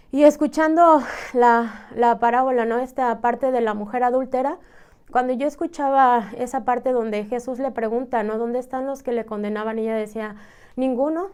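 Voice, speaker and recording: Earnest Mexican woman, smooth mellow voice. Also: fairly high pitch. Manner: earnest, tags many phrases with a questioning "¿no?"; emotional storytelling. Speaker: church member giving testimony. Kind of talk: personal religious testimony.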